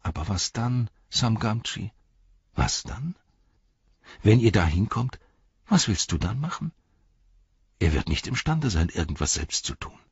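A man voicing the gloomy, mocking inner voice of a male hobbit in an audiobook, scornful and discouraging, pitched well above his own voice. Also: sing-song, measured pace, pauses often, slightly rough, dry recording, dull audio, exaggerated voice. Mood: doubting.

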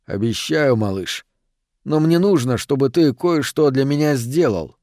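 A man reading an audiobook, voicing a tender, quietly desperate father in a lowered, soft voice. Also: lively intonation, a little slow, no room sound, studio quality.

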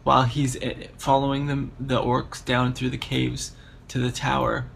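A man's voice: mid-range voice, completely flat delivery, moderate pace, vocal fry, fairly bright tone, breathy edge. A man co-hosting a podcast, chatting casually about a book and rambling through half-finished thoughts. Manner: rambling, with restarts and trailing-off thoughts. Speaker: podcast co-host.

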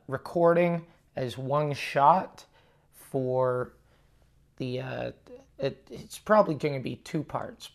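Guy podcasting solo, slow and halting, mid pitch, swears a lot, echoey condo room. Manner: rambling, halting, frequently swearing. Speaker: podcast host and touring stand-up comedian. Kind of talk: casual solo podcast monologue. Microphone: lavalier plugged into portable recorder. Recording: echoey room picked up on lav mic.

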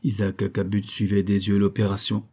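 A man reading a classic novel aloud in steady, measured narration. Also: on the low side. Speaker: audiobook reader. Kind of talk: scripted narration.

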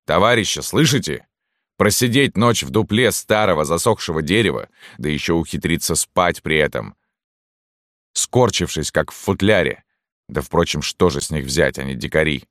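A gruff, soft-hearted old sergeant, as a man voices him in an audiobook, blunt and grumbling. The voice is deep and low. It is recorded close and dry. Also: expressive, normal speed, no echo. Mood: rallying.

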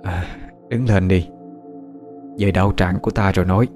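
A man voicing a commanding woman shaman, deep voice, grave, soft music behind. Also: steady tone, normal speed, close to an everyday voice. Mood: stern. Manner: grave, authoritative. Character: stern female shaman, about thirty, commanding.

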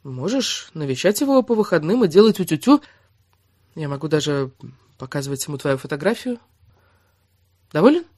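A man voicing a sharp-tongued, sarcastic young woman in an audiobook, talking loud and biting. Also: a little high, sing-song, moderate pace, pauses often, dry recording, studio quality. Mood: defiant. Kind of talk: audiobook character reading.

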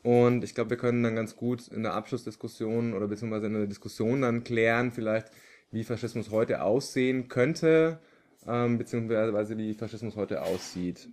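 Hesitant man with a dark voice giving a lecture. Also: fairly low pitch, normal speed. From Upper Palatinate, Germany. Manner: hesitant, many filler sounds. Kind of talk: public lecture.

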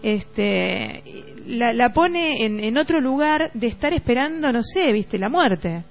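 A middle-aged woman with a Rioplatense Argentine Spanish accent speaks as a radio host, casual and reflective, often searching for words. Her voice is a little high and animated with vocal fry, at a slow pace. The recording is dull lo-fi radio with music behind her.

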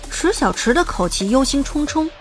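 A woman reading the narration of an audio drama in a smooth, lightly wry storytelling manner. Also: high-pitched, expressive, normal speed, soft background music.

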